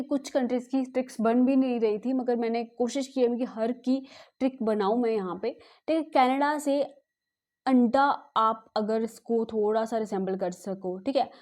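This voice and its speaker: A woman coaching teacher walks students through exam memory tricks in a chatty way, tacking a checking "okay?" onto almost every sentence and mixing in English words. Her voice sits a little high with a soft, mellow tone. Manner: mixes English words into Hindi.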